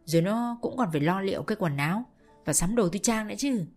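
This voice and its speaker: A woman voicing a commanding middle-aged senior wife in a spoken story, giving brisk orders to the household. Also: medium pitch, lively intonation, a little mellow, soft background music, lightly acted. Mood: urgent.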